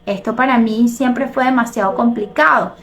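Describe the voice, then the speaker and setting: A middle-aged woman from Venezuela, speaking with a Venezuelan accent in a fairly high voice at a moderate pace, hosts a live show. She's the one reading viewers' comments aloud and reacting animatedly.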